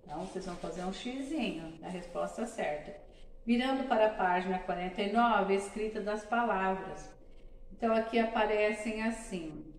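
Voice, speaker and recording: A woman's voice: medium pitch, echoey room, distant mic, rough recording. A woman from Brazil teaching a primary school class, explaining patiently and repeating examples syllable by syllable. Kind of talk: classroom lesson.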